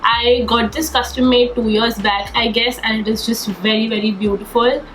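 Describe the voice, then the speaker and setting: A beauty vlogger talks at normal speed in a slightly high, steady, fairly bright voice, a little nasal because she has a cold. The young woman chats eagerly through a casual get-ready-with-me makeup tutorial, with echo and faint background noise in the recording.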